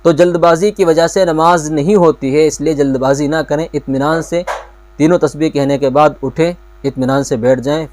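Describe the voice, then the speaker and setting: A man's voice: on the high side, a little mellow. Patient male mufti teaching prayer. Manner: patient, repeats key points, recites Arabic phrases slowly. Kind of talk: step-by-step religious lesson.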